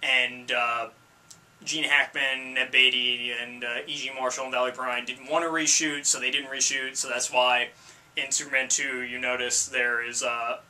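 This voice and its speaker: A man hosting a comedic film rant, sarcastic and exasperated, swinging from low muttering to loud outbursts. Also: little pitch movement, moderate pace. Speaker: film review host.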